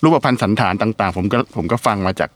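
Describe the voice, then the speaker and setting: A man's voice: on the low side, expressive, fast. A man appearing as a guest on a casual podcast. He speaks politely and hesitantly, often stumbling and repeating words. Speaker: film director, guest.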